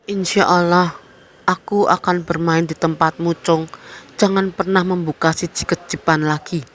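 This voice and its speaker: A woman's voice: fairly low pitch, normal speed, natural voice. Paman tua yang bijak dan penuh misteri, dibawakan seorang perempuan. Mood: grave. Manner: calm, grave, knowing. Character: wise older male uncle with mystical knowledge.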